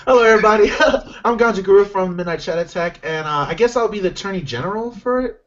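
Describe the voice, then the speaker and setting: A man appearing as a guest on a podcast, joking in a quick, self-mocking way. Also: high voice, fairly bright tone. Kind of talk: casual podcast chat. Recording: dull lo-fi audio with faint noise.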